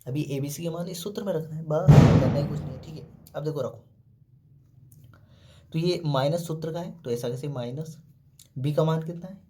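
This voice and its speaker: A man's voice: fairly high pitch, moderate pace, pauses often, noisy background. A man teaching a math lesson step by step, asking questions and answering them himself. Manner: explains step by step, asks and answers his own questions; often says "ठीक है" and "देखो".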